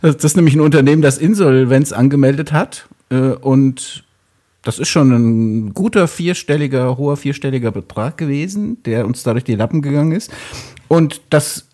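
A man's voice: medium pitch, moderate pace, dark tone. A man co-hosting a podcast in casual chat, teasing with dry humor. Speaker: podcast co-host.

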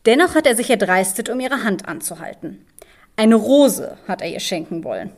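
A woman hosts a podcast where she narrates and discusses fairy tales. Her medium-pitched voice carries an expressive, measured storytelling manner.

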